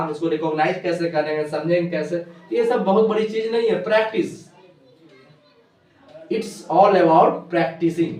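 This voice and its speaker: Man teaching at a board, echoey and distant. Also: a little high. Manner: spells words out letter by letter, slows down for English phrases. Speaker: English teacher. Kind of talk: whiteboard lesson explaining pronunciation. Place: classroom with a board. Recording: echoey room, voice from far off, faint noise.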